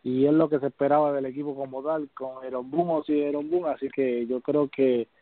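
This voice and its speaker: A man co-hosting a casual sports podcast, giving calm, measured analysis. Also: mid-range voice, dry recording. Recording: tinny phone-like audio.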